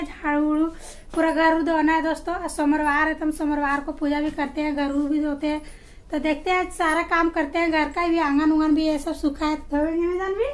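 A woman's voice: extremely high pitch, a bit bright. A young woman chatting casually to her viewers in a home vlog, filming herself with a phone held at arm's length around her rural house and yard. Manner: chatty, addresses viewers often. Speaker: vlogger.

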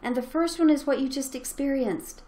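A woman's voice: high voice, moderate pace, warm tone. A middle-aged woman giving an earnest, encouraging motivational talk as a parenting coach, speaking straight to her listeners.

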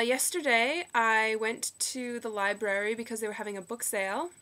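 A young woman, her mid-range voice fairly bright but slightly croaky from a cold, chats about new books into the webcam on her bedroom desk. As a book vlogger doing a casual book haul, she's chatty and upbeat, tossing in quick asides.

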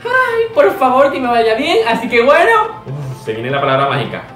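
A man's voice: very high-pitched, huge pitch swings, moderate pace, a bit bright, reverberant, soft background music. A man giving a chatty video intro as channel host, asking himself questions.

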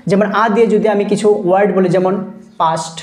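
A woman's voice: medium pitch, little pitch movement, rapid-fire, a little mellow. A woman teaching a phonetics lesson, patiently repeating example words and checking that students follow. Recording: echoey room.

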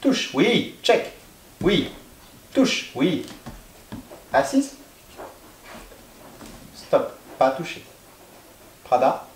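Male dog trainer, calm and firm, slightly raised pitch, recorded in a reverberant room at home. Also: very slow, long pauses, a little hiss or hum. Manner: calm, firm short commands. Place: indoors at home. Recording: echoey room.

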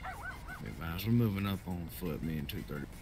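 Male officer heard over police radio, urgent clipped call-outs, lively swings in pitch, distant with faint noise. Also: normal speed. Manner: urgent radio codes and unit numbers. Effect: heard over in-game police radio. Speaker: police officer in a roleplay game.

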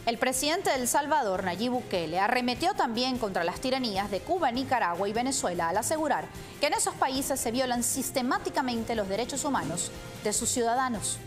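A woman's voice: fairly high pitch, animated, fairly quick, over music. A woman in her thirties presenting the news in a studio with pointed commentary, speaking emphatically into a lapel mic. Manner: emphatic, gestures while speaking.

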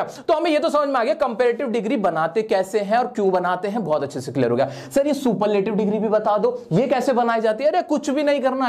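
High-voiced man teaching grammar. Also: a little mellow. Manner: asks his own questions and answers them; voices imagined students' questions. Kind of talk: classroom grammar lesson. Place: at a whiteboard, writing while teaching.

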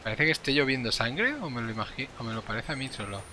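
A man's voice: medium pitch, animated, quick pace, pushed and bright. Jumpy Castilian Spanish man gaming over noise. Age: young adult. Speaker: gamer commentating a horror game. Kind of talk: casual gameplay commentary. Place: small room indoors. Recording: game ambience and noise behind voice. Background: horror game ambience.

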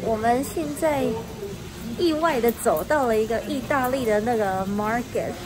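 A woman's voice: fairly high pitch, normal speed, over music. A woman vlogging casually through a face mask as she walks around a mall and a market, chatty and upbeat while she describes the place. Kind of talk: casual vlog narration. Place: shopping mall and market, partly outdoors.

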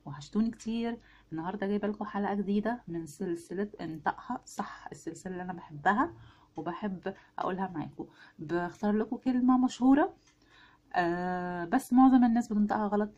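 A woman's voice: medium pitch, quick pace, dark tone. A woman with an Egyptian Arabic accent giving a casual video lesson on English pronunciation, chatty and drilling words with her viewers.

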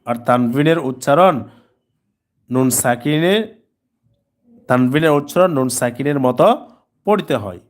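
A man teaching Quran reading, spelling out syllables slowly, repeating them and answering his own questions. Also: mid-range voice. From Bangladesh. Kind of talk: spelling-out recitation lesson.

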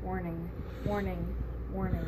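A woman voicing a stern security alarm system that repeats its warnings in a flat monotone. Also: fairly low pitch, measured pace, lightly acted.

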